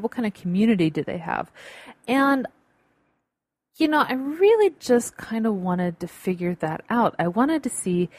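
A woman's voice: mid-range voice, darkish tone, dry recording. A woman hosting a solo podcast, giving casual advice in an upbeat, chatty, emphatic way. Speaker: podcast host. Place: home room with windows open.

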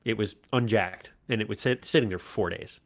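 A man chats casually as a podcast co-host. He has a lowish voice and tells an anecdote with energy, slipping into the voices of the people he quotes. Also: fairly quick. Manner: animated anecdote telling, acts out quoted voices. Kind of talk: casual storytelling chat.

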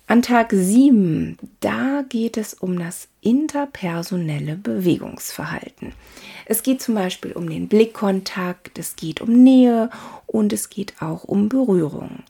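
A woman teaching a calm spoken lesson on body language, talking straight to the listener with frequent tag questions and fillers. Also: medium pitch, unhurried, creaky, slightly rough. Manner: calm, talks to the listener directly, many "ne?" tags and fillers.

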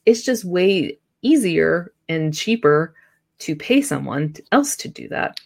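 A woman's voice: on the low side, big pitch swings, unhurried, vocal fry, darkish tone. A woman hosting a podcast, talking in a conversational way and affirming her guest. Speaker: podcast host. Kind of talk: casual podcast interview.

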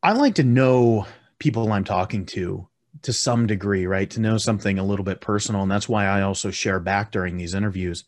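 A male podcast host with a low voice who asks long, rambling questions full of tangents. The recording is dry and close, with no room sound. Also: a little fast, dry recording. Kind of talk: casual interview.

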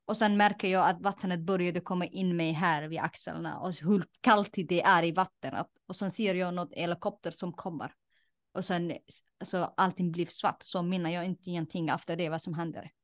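Young Somali-born woman, non-native speaker, halting testimony, dry close mic. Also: lowish voice, steady tone, no room sound. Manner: plain, halting retelling with many fillers and reenacted quotes. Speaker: guest. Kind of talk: personal testimony interview.

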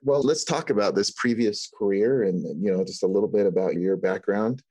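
Low, mellow-voiced male podcast host. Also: fairly quick, dry recording. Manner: relaxed, encouraging, many fillers. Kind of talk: podcast interview.

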